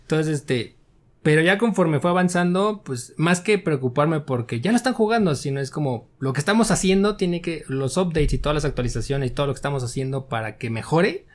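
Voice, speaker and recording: A man's voice: fairly high pitch, fairly quick. A man with a Mexican Spanish accent, a game developer talking casually and laughing easily in an interview. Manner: relaxed, chatty, frequent fillers and laughs.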